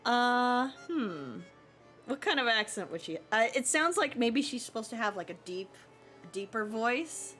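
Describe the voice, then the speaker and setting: A woman's voice: on the high side, lively intonation, a little slow, fairly bright tone, faint music behind. A woman chatting casually as co-host of a video game playthrough. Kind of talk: casual gaming chat.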